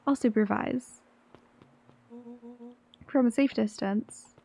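Cocky boy sidekick, read by a woman, teasing, high and gravelly. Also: slow, a little mellow, exaggerated voice. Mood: smug. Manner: smug, teasing. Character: cocky boastful boy adventurer.

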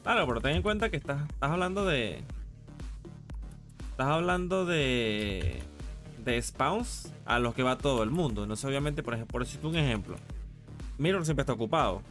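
A game streamer with a Latin American Spanish accent chats casually during a live gaming stream, slangy and informal with bits of casual swearing. His mid-range voice is expressive and a bit bright, at normal speed, with faint music in the background.

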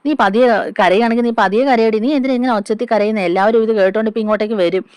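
A woman's voice: a little high, steady tone, quick pace, darkish tone, clear, resonant tone, no echo, close to an everyday voice. A woman voicing a hot-tempered young woman who harshly scolds a child, in a storybook retelling. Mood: angry scolding.

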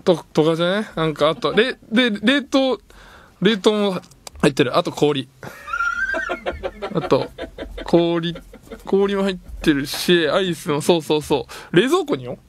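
Lively high-voiced man hosting radio. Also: unhurried, long pauses, background noise. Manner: joking, laughs often, complains playfully. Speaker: radio show host. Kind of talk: casual radio chat. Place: radio studio.

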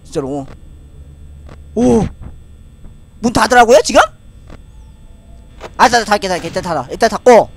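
Casting: young male horror game streamer, frightened and jumpy, high voice with big pitch swings, repeats himself in panic. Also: animated, moderate pace, long pauses. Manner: scared, jumpy, exclaiming and repeating words in panic. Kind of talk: live game commentary. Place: indoor room at a desk, streaming with webcam.

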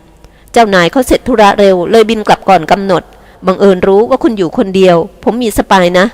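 A woman reading aloud, voicing a cheerful, confident young man who speaks brightly. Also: medium pitch, fairly quick, lightly acted. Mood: breezy. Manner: bright, breezy.

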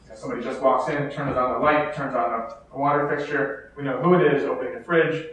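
Speaking fast with a mid-range, fairly bright voice and fairly even intonation, an American man gives a steady keynote lecture at a conference, with occasional fillers and restarts. The hall is echoey and the mic is distant.

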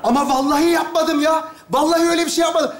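Fast-talking panicky hubby begging to be believed, echoey stage with a crowd. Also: male voice, extremely high pitch, fairly even intonation. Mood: defensive pleading. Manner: rushed, defensive, pleading. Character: flustered husband insisting he is not cheating. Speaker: comedy sketch actor. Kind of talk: live stage sketch comedy. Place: theater stage with live audience. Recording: echoey stage, audience noise.

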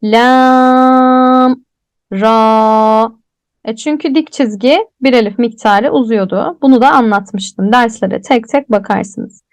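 A woman's voice: fairly high pitch, normal speed, few pauses, dry recording. A woman teaching a Quran recitation lesson, explaining step by step and asking and answering her own questions, drawing out letter names as she recites them. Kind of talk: online tajweed lesson.

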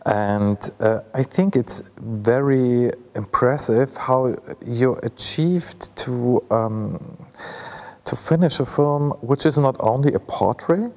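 His voice medium in pitch and darkish in tone, a man in his forties with a German accent moderates a festival film discussion in an ornate indoor hall. He talks slowly, weighing his questions thoughtfully and hesitating with many fillers.

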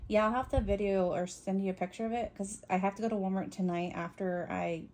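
A woman's voice: mid-range voice, steady tone, fairly quick, a little mellow, slight background noise. A young woman chatting casually while doing her friend's makeup, laughing often with plenty of ums. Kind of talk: casual chat.

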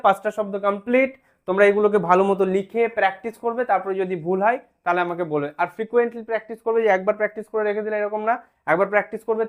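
Patient teacher sounding out spellings. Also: medium pitch. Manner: patient, repeats checks like "okay?", sounds words out slowly. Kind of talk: online spelling lesson.

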